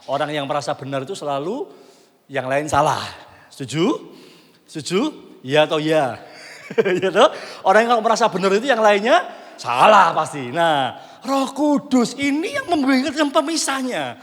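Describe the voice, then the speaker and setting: A man with a Javanese accent preaching from the pulpit in a husky, fairly high voice, acting out his inner dialogue as he tells a personal story. His words ring out with a long reverb through a church hall. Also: very animated, normal speed, a bit bright. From Central Java, Indonesia. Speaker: pastor. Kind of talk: sermon.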